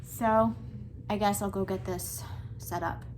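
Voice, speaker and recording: A woman's voice: mid-range voice, steady tone, slow pace, a little hiss or hum. Chatty woman homesteader filming herself outdoors. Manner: chatty, talks while doing chores, laughs and sighs. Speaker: homesteader vlogger. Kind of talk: casual talk to camera. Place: outdoors and in a chicken coop on a farm in extreme cold.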